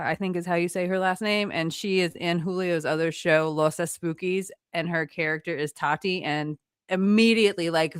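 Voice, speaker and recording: A woman's voice: lowish voice, a bit bright, clean tone, no room sound, studio quality. A woman in casual podcast chat, enthusiastic and chatty about a show she loves. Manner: enthusiastic, chatty, quick agreeing replies. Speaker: podcast co-host.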